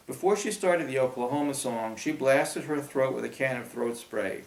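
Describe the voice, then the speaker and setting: Gravelly man reading aloud. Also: medium pitch, normal speed. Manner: steady storytelling. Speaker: audiobook narrator. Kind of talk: scripted narration. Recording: roomy echo.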